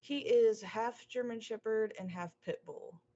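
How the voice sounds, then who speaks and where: A woman chatting casually as a podcast guest, speaking in a hesitant, halting and modest way. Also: fairly high pitch, warm tone, muffled recording. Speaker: podcast guest, streamer and artist. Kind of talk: casual chat.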